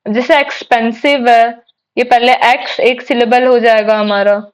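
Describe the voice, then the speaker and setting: Slow, patient woman teacher. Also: on the high side, steady tone, poor audio. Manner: patient, explains step by step, often checks "theek hai?". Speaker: English teacher. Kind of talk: online exam-prep lesson.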